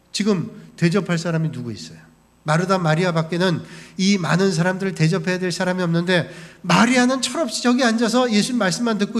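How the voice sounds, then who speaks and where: A man preaching as a pastor, telling the story and briefly acting out the people in it. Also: high-pitched. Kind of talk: sermon. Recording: long hall reverb.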